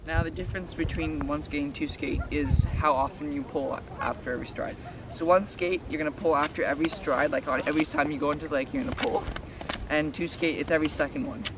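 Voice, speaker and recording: Young guy explaining cross country skating outside, kinda high voice, far off mic, wind and noise behind. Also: fairly even intonation, fast talker. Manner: casual, explains step by step with fillers. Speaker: ski instructor. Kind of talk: outdoor instructional talk. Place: snowy outdoor ski trail. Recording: distant outdoor mic with noise.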